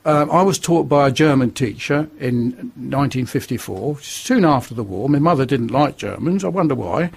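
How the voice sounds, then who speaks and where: An older man from northern England, with the accent to match, earnestly tells his life story as a guest on a radio interview. His medium-pitched voice is animated, creaky and slightly rough, moving at a moderate pace with few pauses.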